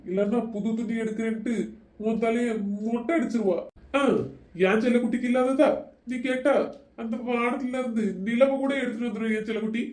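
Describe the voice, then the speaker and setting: Lady doing a sweet-talking husband who spoils his wife, warm mellow voice, slightly high. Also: fairly even intonation, brisk, close to an everyday voice. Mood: coaxing. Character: doting young husband, soft and henpecked. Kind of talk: comedy skit. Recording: roomy echo.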